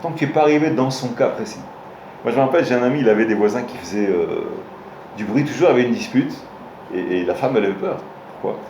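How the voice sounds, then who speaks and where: A man's voice: medium pitch, expressive, quick pace, a little mellow, a little hiss or hum. A man, a rabbi, giving an informal Torah lesson, telling stories with frequent restarts and hesitations and speaking directly to his listeners. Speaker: rabbi teaching a Torah class. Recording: roomy room with faint ambience.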